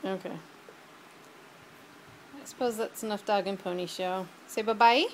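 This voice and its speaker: A woman's voice: medium pitch, steady tone, a little slow, a little mellow, a little hiss or hum. A woman filming her toddler at home, coaxing the child in a sing-song voice to show off new words. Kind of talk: casual home video.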